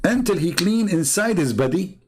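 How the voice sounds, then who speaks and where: Reading religious passages on a live stream, a man layers on sarcastic, needling mockery. His pitch is high and his intonation lively, though the tone is darkish, and he talks at a normal speed with the accent of a native Arabic speaker.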